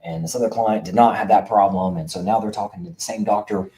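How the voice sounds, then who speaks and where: This middle-aged man hosts a show for veterans and works as a veterans' benefits coach. His voice sits on the low side, mellow and fast, as he delivers a casual monologue to camera in an emphatic, preachy manner, repeating himself and saying "uh" a lot.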